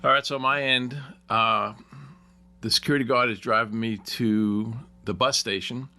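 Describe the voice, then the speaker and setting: A man's voice: mid-range voice, steady tone, moderate pace, sharp tone. A middle-aged man telling his side of the story casually and emphatically, laughing mid-sentence. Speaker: guest co-speaker.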